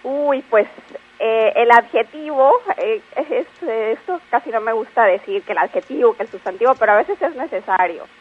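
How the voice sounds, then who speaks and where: A woman's voice: a little high, breathy edge. Patient woman explaining words on radio. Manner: patient, didactic, repeats examples slowly. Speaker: language expert guest. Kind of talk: radio language segment, explanatory. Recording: phone-like radio line.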